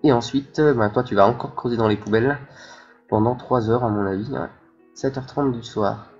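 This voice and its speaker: A man narrates his game session as a let's play, talking his choices through with frequent pauses and fillers. His voice sits at a middle pitch. The sound is slightly dull and lo-fi, with soft game music underneath. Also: breathy edge. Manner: thinking aloud, hesitant, many fillers. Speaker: gaming channel host.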